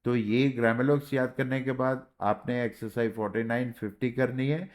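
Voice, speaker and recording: A man's voice: mid-range voice, fairly even intonation, a little fast. A man teaching a shorthand lesson, patiently repeating words and checking in with his students as he writes. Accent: Indian. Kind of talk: explaining a lesson while writing.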